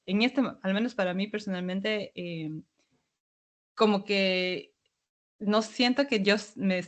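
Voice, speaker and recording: Thoughtful podcast co-host, mid-pitched voice. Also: takes it slowly. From Ecuador. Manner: thoughtful, storytelling, animated asides. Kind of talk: casual conversation.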